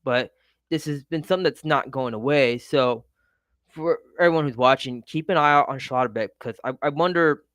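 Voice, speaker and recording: A man's voice: mid-range voice, moderate pace, a bit bright, no echo. A man co-hosting a casual football chat, chatty with a dry, sarcastic edge. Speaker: podcast co-host.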